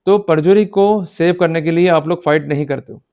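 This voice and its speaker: His voice is a little high and a little mellow, and he keeps a moderate pace. The man is a law lecturer giving an explanatory talk in Hindi with English legal terms, emphatic and exhortative, frequently checking that people are following.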